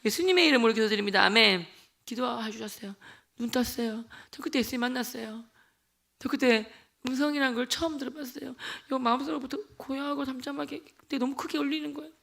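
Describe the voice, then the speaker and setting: A man in his forties delivers a church testimony from the pulpit with a notably high, bright voice. He talks quickly and tells his story as a lively performance, acting out the voices of the people in it. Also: creaky. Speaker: lay deacon giving testimony. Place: church sanctuary.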